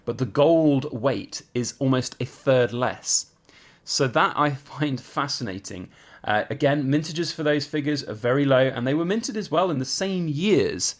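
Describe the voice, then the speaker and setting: A British man talking casually and informally as an enthusiast hosting his own collecting vlog. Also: mid-range voice. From United Kingdom. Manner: chatty, conversational, informal. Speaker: coin collector and video host.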